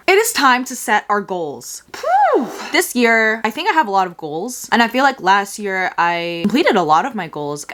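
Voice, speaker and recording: A woman's voice: lowish voice, fairly bright tone. A young woman in her twenties with a slight lisp, chatting casually and bubbly in a vlog, full of "like" fillers. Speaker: vlogger.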